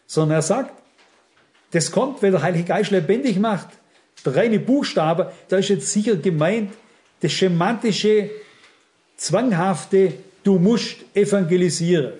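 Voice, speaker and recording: High-voiced earnest German preacher man. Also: measured pace, a little mellow. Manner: earnest, emphatic, addresses listeners directly. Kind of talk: sermon.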